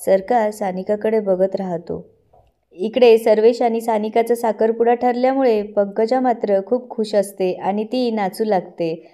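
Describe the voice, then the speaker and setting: A woman narrating a scripted recap of a TV serial episode in an even, steady storytelling manner. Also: medium pitch, unhurried.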